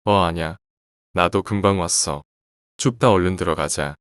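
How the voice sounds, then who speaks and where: A man voicing a calm, polite stranger who turns out to be a cold killer, in a horror story told in a quiet, composed way. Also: sits low, normal speed, no room sound, clean studio sound, lightly acted. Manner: quiet, composed, chillingly casual.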